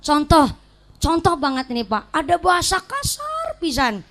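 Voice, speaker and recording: High-voiced Ngapak woman preacher, jokey. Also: huge pitch swings, normal speed. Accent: Banyumas Javanese (Ngapak). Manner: jokey storytelling, mixes regional dialect words into Indonesian. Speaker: Islamic preacher. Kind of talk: humorous sermon.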